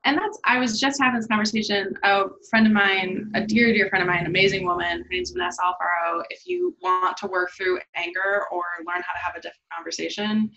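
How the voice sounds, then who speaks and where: A woman's voice: mid-range voice, brisk, vocal fry, hardly any pauses, bright, forceful tone, slight background noise. A woman hosting a casual, heartfelt chat, talking candidly, swearing freely and saying "like" a lot. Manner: candid and profane, says "like" often. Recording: slightly dull lo-fi sound.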